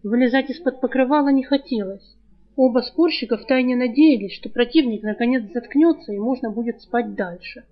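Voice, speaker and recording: A woman narrating an audiobook, telling the story in a lively, expressive way. Her voice sits fairly high. The recording sounds slightly dull and lo-fi. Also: brisk.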